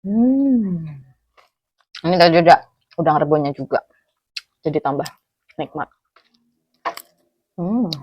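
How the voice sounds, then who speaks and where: A woman's voice: fairly low pitch, animated, takes it slowly, long pauses, husky, dry recording, highs cut off. A woman from Cilacap, Indonesia, with a Javanese accent, chatting casually with her mouth full as she eats, humming as she savours food. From Cilacap, Central Java, Indonesia. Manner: talks with mouth full while eating, with savouring hums. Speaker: food vlogger. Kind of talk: casual eating chat, mukbang.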